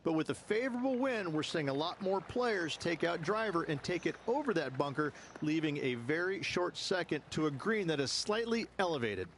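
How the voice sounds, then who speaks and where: A slightly high-voiced man giving calm, explanatory course analysis in scripted video game golf commentary. Faint noise hums behind him. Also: moderate pace.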